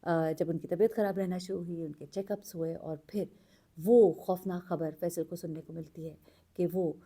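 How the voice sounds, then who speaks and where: A woman narrating a true story in an earnest, unhurried way, pausing with fillers as she goes. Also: on the low side, steady tone, mellow. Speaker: storyteller host.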